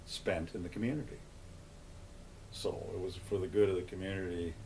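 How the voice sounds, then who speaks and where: An older man, a longtime local resident, is interviewed for an oral history and speaks in a plain, conversational way, asking and answering his own questions. His voice sits low and mellow with a steady tone, a little fast, on a rough recording with some hiss or hum.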